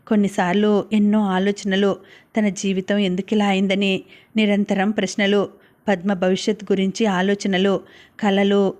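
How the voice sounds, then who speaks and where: A woman reads a story aloud as an audiobook narrator. Her delivery is steady and even. Her pitch sits in the middle and stays flat.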